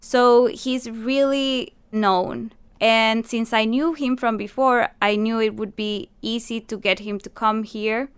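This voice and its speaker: Costa Rican woman with a clear voice. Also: fairly high pitch, fairly even intonation, slow pace, hardly any pauses. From Costa Rica. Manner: earnest, explains step by step, non-native English phrasing. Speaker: university staff, event organizer. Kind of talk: radio interview guest. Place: radio studio.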